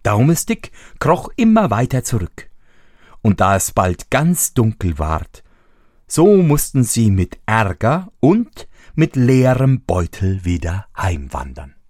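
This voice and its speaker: A man reads a fairy tale aloud, taking his time over every phrase. His pitch rises and falls with great expression, and the recording is dry and close. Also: no room sound. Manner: slow and very expressive. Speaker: narrator.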